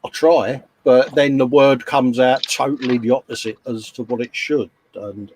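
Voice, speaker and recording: A man with an English accent carrying a slight Scouse hint hosts a model-building stream, chatting casually, rambling, and laughing often. His voice is medium-pitched and darkish, with fairly even intonation, normal speed, and slight background noise.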